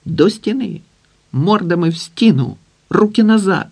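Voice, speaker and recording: A man voicing a furious, gleeful armed man who shouts coarse commands in an audiobook. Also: high voice, lively intonation, measured pace, creaky, breathy edge, voice pushed up, full character voice. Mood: furious shouting.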